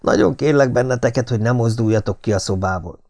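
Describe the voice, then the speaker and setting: A man's voice: medium pitch, a little mellow, close to an everyday voice. A man voicing a worried, serious detective in an audiobook. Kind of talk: audiobook character reading.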